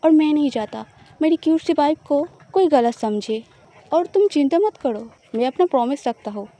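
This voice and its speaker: Teasing possessive young wife, woman reader's voice, high pitch, warm tone, audio story. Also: animated, normal speed.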